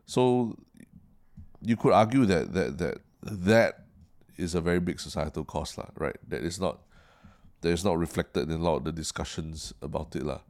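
A man with a deep voice and a Singaporean Singlish accent. He discusses things casually as a podcast co-host, choosing words carefully, with hesitations and repeated words. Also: normal speed, darkish tone.

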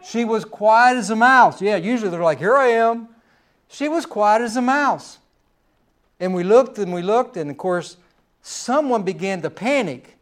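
A man's voice: sits high, expressive, normal speed, a bit bright. A middle-aged man preaching a sermon in a folksy storytelling way, with personal asides.

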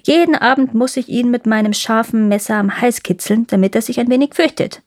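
Woman reading as a rough little robber girl, bossy and blunt, pitched a bit high, storybook style. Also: fairly quick, close to an everyday voice.

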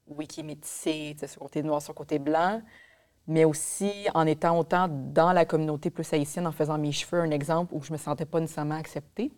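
A woman's voice: sits low, fairly even intonation, brisk, a little mellow. A woman with a Québécois accent, speaking candidly and reflectively as a podcast guest. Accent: Québécois French. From Quebec. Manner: reflective, candid, with frequent fillers. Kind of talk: casual podcast conversation.

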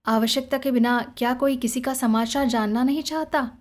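A proud, restrained young mistress of a house, read aloud by a woman narrator. She speaks curtly and sharply, and her voice sits fairly high. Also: normal speed, lightly acted. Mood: flustered. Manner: curt and sharp.

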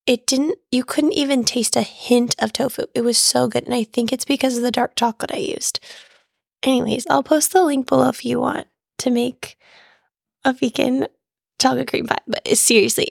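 Sick woman co-host, hoarse squeaky voice with gravelly fry, higher pitch, dry close sound. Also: fairly even intonation, normal speed, dry recording. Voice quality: squeaky, broken voice. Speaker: podcast co-host. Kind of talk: casual chat.

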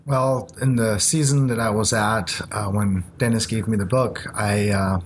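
A man's voice: on the low side, steady tone, slight background noise. Earnest man, English his third language. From born in Japan, raised in Germany. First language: not English. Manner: earnest, halting with fillers. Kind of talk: testimony in casual conversation.

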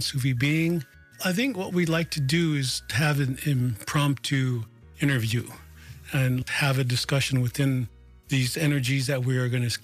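A male radio host speaking slowly and thoughtfully, often repeating words as he searches for the next phrase. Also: mid-range voice. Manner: slow, searching, repeats words while thinking. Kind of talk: radio interview.

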